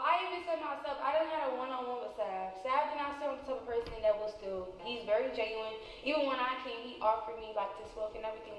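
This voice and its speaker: A woman on a reality show, laughing off accusations in a giggly, defensive way, recorded in a house. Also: fairly high pitch. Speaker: reality show cast member. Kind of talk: reality TV confessional banter. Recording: roomy, reverberant, distant house audio from a show.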